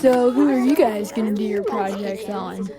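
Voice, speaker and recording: A woman voicing a casual, slangy, admiring school-age kid in an animated film. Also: mid-range voice, normal speed, a crowd in the background, natural voice. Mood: keen, casual.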